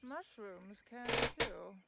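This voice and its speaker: A woman voicing a drowsy video game character, reading her lines flat and woozy with a put-on semi-Japanese accent. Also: mid-range voice, slow, creaky, no echo, heavily acted. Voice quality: sleepy, flat, woozy delivery. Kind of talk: game dialogue.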